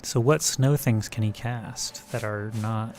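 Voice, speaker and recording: A man's voice: on the low side, slow, a little mellow, soft background music. A man casually thinking aloud while live streaming a digital card game, muttering card names and plays. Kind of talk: casual gameplay commentary.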